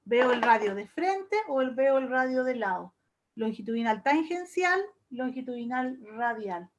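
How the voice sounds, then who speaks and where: A woman's voice: fairly high pitch, animated, unhurried. A woman professor giving an online workshop lecture in a chatty way, explaining with homely comparisons and little diminutives. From Chile. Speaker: university professor.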